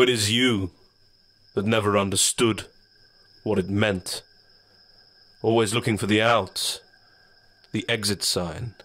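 A man's voice: fairly low pitch, a bit bright. A man voicing a mocking, formless shadow entity. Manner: taunting, smooth and condescending. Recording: long reverb.

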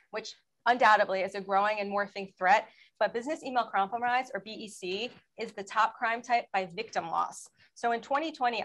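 A woman's voice: mid-range voice, low-quality recording. Woman presenting at a webinar. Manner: steady, explanatory, asks for slide changes. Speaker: federal law enforcement panelist.

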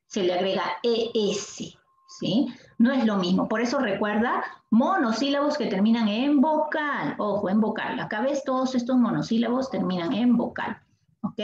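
A woman teacher with a Peruvian Spanish accent leads a language lesson, quizzing the students and stretching key words out slowly. Her voice sits a little high. It is recorded in an echoey room with a dull tone and faint noise behind it. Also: darkish tone. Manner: questioning, repeats words slowly to drill the class.

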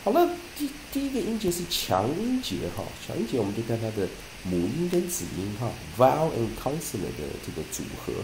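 A man teaching English pronunciation, reading dictionary entries slowly and deliberately, then explaining with many repeated terms and "ah" fillers. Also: medium pitch, huge pitch swings, reverberant, noisy background.

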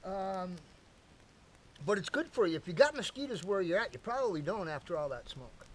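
An older man who vlogs about camping chats folksily to the camera while getting a campfire going at a lakeside fire pit, calling his viewers folks. He speaks at a moderate pace with a high, fairly bright voice and lively intonation, though the audio from the camera-mounted mic a few meters away is poor.

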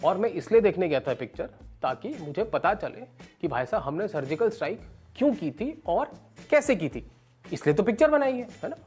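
A man in his thirties doing stand-up, telling comic stories and acting out other people's lines. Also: a little high. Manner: animated, acts out characters with raised voice. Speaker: stand-up comedian. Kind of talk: stand-up storytelling.

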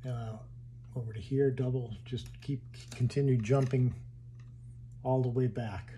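A man casually walking through his hobby wiring build in a home workshop, halting and thinking aloud as he handles parts. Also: medium pitch, fairly even intonation, dark tone, slight background noise.

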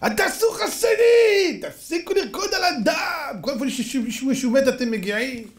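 A man voicing an angry, grieving man in his sixties who yells accusations. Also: very high-pitched, steady tone, reverberant, pitched above the performer's own voice. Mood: furious. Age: 60s. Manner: yelling, indignant.

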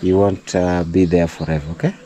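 Fairly quick and warm, a young Kenyan vlogger's low, steady voice carries slight background noise as he talks casually to camera outside a rural home. He uses Kenyan-accented English as a second language, addresses viewers as "guys," and is chatty, sometimes preachy, with bits of prayerful encouragement.

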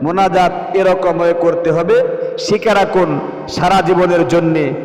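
Preacher, male, high voice, slow melodic chant, roomy echo with faint music behind. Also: fairly even intonation, a little mellow. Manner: pleading, emotional supplication. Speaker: Islamic preacher. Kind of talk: devotional instruction with chanted recitation. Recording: echoey reverberant room with faint music.

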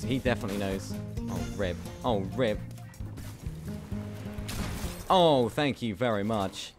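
Young guy gaming commentary, giggly, voice jumps all over, soft music behind. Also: mid-range voice. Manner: excitable, giggly, talks to himself. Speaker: gaming YouTuber. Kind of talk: gameplay commentary.

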